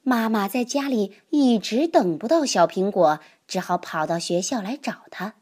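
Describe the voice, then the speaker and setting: Lively, breathy woman reading a picture book. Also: mid-range voice, moderate pace. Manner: lively, expressive storybook reading. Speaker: storyteller. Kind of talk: children's picture book read aloud.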